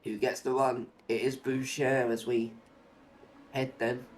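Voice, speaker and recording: A man's voice: medium pitch, flat delivery, unhurried, slight background noise. A man commentating live on a motor race, play-by-play, narrating each move and posing running questions.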